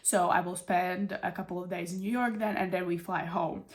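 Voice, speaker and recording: Congested, nasal woman, slightly low voice. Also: steady tone, normal speed. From Europe. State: sick with a cold and runny nose. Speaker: budgeting channel host. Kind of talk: casual explanatory vlog talk.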